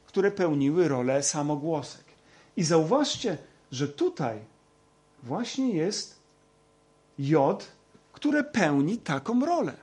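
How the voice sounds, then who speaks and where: A man teaching a Bible lesson, talking slowly with many hesitations and fillers. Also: a little high. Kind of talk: lecture with slides.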